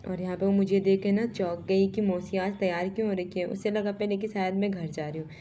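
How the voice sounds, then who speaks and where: A woman's voice: mid-range voice, steady tone, a little fast, dark tone, slight background noise. A woman in her twenties from Uttarakhand, India, narrating her vlog in a chatty voice-over and talking straight to viewers. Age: 20s. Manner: chatty, laughing at herself, talks straight to viewers. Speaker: vlogger.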